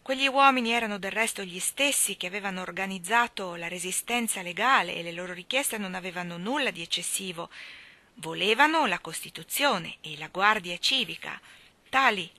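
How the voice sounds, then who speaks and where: A woman reading aloud from a historical memoir with dramatic delivery, dropping to hushed near-whispers and rising to emphatic peaks. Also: mid-range voice, lively intonation, normal speed, no echo. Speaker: reader.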